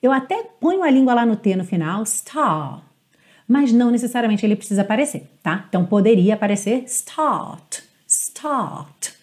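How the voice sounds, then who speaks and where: A woman from Brazil teaching English pronunciation, explaining patiently and drawing out English lyrics slowly. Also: a little high, lively intonation, dark tone. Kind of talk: pronunciation lesson.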